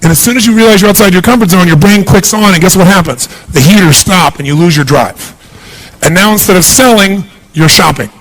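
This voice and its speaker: A middle-aged man giving a punchy, energetic seminar speech to a large audience in a big hall, asking the crowd questions. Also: high-pitched, brisk. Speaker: motivational speaker.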